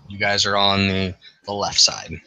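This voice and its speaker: A man running a tabletop game as game master, describing the scene haltingly with fillers. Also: deep voice, level tone, bright, forceful tone, poor audio. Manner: halting, thinking aloud with fillers.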